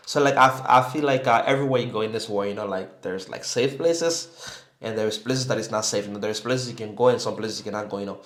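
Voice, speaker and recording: Fast-talking young man reacting, echoey room. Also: on the low side, fairly bright tone. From Sierra Leone. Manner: rambling, heavy on "like" and "you know". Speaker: YouTube reactor. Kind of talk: casual reaction commentary.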